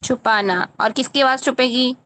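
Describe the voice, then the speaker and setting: A woman's voice: sits high, fairly bright tone. A woman teaching Quran recitation in an online lesson, correcting a student patiently and often checking that she follows.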